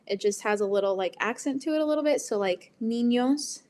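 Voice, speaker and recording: A woman's voice: mid-range voice, animated, fast, a little mellow, a little hiss or hum. A woman giving a casual online presentation on Spanish pronunciation, chatty with frequent ums, likes and laughs. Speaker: presenter teaching Spanish basics.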